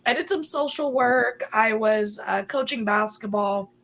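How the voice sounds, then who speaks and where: A woman's voice: fairly high pitch, unhurried, fairly bright tone. A woman dispatcher co-hosting a podcast, chatting casually and laughing between points. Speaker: 911 dispatcher and podcast co-host.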